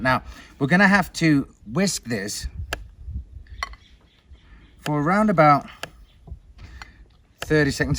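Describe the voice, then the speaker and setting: A man hosting a cooking demonstration, talking in a showy way and swinging between loud announcements and hushed asides. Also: mid-range voice, a little hiss or hum. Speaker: cooking show host.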